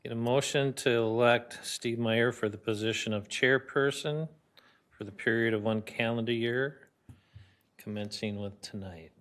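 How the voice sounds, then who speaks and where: A man's voice: mid-range voice, a little slow, a bit bright. A man from Minnesota chairing a parks commission meeting in a council chamber, plain and procedural with slight halts.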